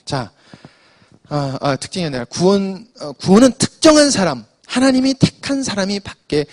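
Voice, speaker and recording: A man's voice: high voice, sing-song, normal speed, darkish tone. A man preaching an afternoon church sermon, explaining scripture to the congregation and often restarting with "so" to move on. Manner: explanatory, addresses congregation with frequent "자".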